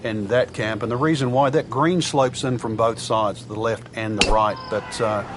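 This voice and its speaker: A man working as a golf commentator, giving thoughtful, measured color analysis in a conversational way for a video game. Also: fairly low pitch, steady tone, natural voice. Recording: noisy outdoor crowd ambience behind. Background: crowd and outdoor noise.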